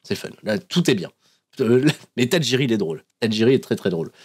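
A male podcast host tells the story in lively, casual chat, with frequent "euh" fillers. He chuckles often as he goes and jumps into acted voices. His pitch sits in a middle range. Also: brisk, slightly rough. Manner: animated storytelling, laughs often, many fillers. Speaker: podcast host recapping wrestling episodes.

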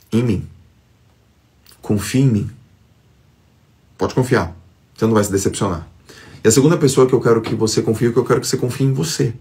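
A man's voice: mid-range voice, creaky, dark tone. A man giving an emphatic motivational talk to followers on a phone live stream, acting out quoted thoughts.

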